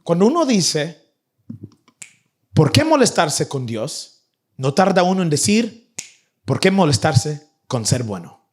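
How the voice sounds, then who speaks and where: Animated young male preacher, higher voice. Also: takes it slowly, pauses often, husky. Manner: animated, acts out nagging parents in a raised voice. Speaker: pastor. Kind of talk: sermon. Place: church in Vancouver.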